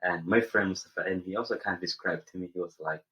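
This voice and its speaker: A young man from Somaliland, a college senior, answering interview questions earnestly and often pausing to search for words. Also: low voice, fairly even intonation, sharp tone, low-quality recording. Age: young adult.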